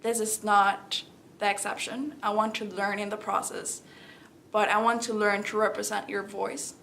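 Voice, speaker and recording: This young woman's voice is medium-pitched, creaky and fairly bright, with a Salvadoran Spanish accent and noisy recording quality. Interviewed as a student election candidate, she delivers an earnest campaign pitch in non-native phrasing.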